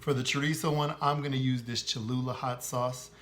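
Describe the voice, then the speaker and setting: A man's voice: mid-range voice, fairly even intonation, fairly quick, a bit bright. A middle-aged man hosting a casual cooking how-to, chatty and full of "uh" fillers and self-corrections. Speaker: host of a barbecue cooking channel.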